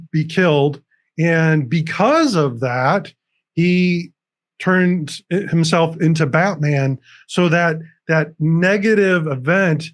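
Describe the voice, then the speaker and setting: A man speaking as a guest on an interview show, earnestly explaining things step by step with frequent restarts, over a video call. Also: fairly high pitch. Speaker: recovery coach guest. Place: room with dragon decorations behind him.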